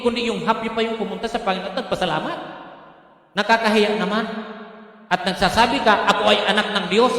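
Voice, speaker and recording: Filipino male pastor, high bright voice, animated sermon in an echoing church hall. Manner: animated, calls out to the congregation. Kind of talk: live sermon. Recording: booming echo of a large hall.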